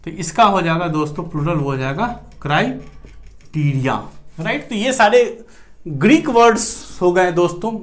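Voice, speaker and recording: A man with an Indian accent teaching English grammar, switching between Hindi and English and checking in with "right" after nearly every sentence. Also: high-pitched. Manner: mixes Hindi and English, keeps asking "right" and calling viewers friends. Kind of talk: classroom grammar lecture.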